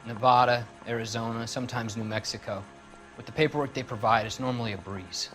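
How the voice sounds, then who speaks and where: A man's voice: mid-range voice, steady tone, fairly quick, close to an everyday voice, rough recording. Man acting cornered crook, defensive, slangy, mid-range voice, 1940s crime game, light background music. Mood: cornered, giving in. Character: defiant, cornered male car thief under police questioning.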